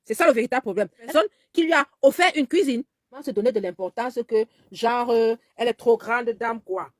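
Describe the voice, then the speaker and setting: A woman's voice: fairly high pitch, fairly quick, no echo, clean studio sound. A woman talking angrily straight to her audience, insistent and given to repeating herself, at times mimicking another woman's pleading voice. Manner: indignant, insistent, repeats phrases. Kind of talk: angry personal video monologue.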